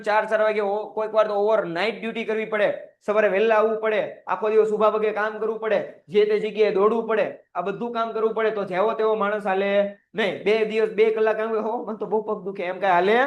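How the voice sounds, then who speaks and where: A man teacher giving a recorded lecture, firing off rhetorical questions, acting out small quoted scenes and dropping English words into his talk. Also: high-pitched. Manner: asks constant rhetorical questions, acts out little quoted scenes. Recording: dull lo-fi audio.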